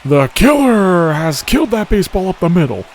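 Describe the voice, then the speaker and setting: Excitable young man calling game highlights. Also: moderate pace. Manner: excitable, shouts on big hits, mutters asides. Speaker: gaming YouTuber. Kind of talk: play-by-play game commentary.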